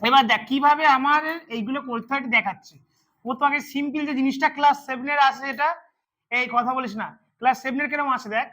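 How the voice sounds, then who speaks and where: A man's voice: extremely high pitch, pushed and bright. A man teaching English grammar to a class, repeating words and quizzing his students as he goes. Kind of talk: classroom lesson.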